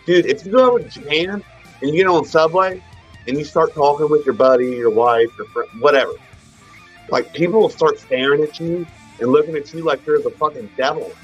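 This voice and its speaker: A man co-hosting a podcast who rambles through crude casual chat and keeps trailing off and restarting his sentences. His voice sits a little high. The sound is slightly dull and muffled, with faint music underneath. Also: brisk, husky. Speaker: podcast co-host.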